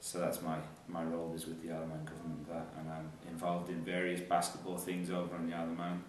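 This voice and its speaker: A low-voiced Irish man tells his story in a relaxed, joking way. He is recorded from some distance in a very reverberant room. A faint noise runs underneath. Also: fast. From Ireland. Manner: joking, chatty, self-deprecating. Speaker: interview guest, basketball coach. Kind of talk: casual chat. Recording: echoey room, mic far off, faint noise.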